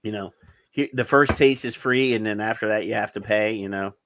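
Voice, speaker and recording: A man's voice: on the low side, fairly quick, fairly bright tone. A middle-aged man co-hosting a podcast, chatting casually and sarcastically, often restarting his sentences. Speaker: podcast co-host. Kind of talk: casual chat.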